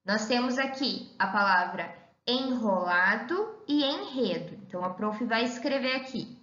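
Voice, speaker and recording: A woman teacher giving an online lesson to young children, talking in a slow sing-song way and calling herself "the teacher.". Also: fairly high pitch, lively intonation, bright, forceful tone. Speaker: primary school teacher. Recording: echoey room, dull lo-fi sound.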